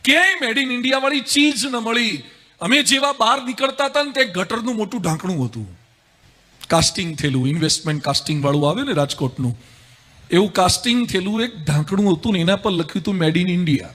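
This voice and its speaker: High, bright-voiced monk telling stories. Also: male voice, a little fast. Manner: lively storyteller, rhetorical and humorous. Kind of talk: spiritual discourse with anecdotes.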